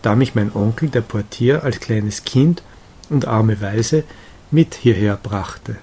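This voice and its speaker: A man reading a gentle, cheerful young woman's chatty, confiding lines in an audiobook of a romantic novella. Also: fairly low pitch, slow, slightly rough, heavily acted. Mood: fond.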